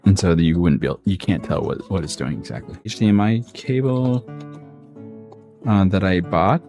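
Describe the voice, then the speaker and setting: A man hosts a casual reaction video, his voice sitting somewhat low. He breaks into loud, excited yelps as he watches. Faint music plays underneath. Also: moderate pace. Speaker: host reacting to clips.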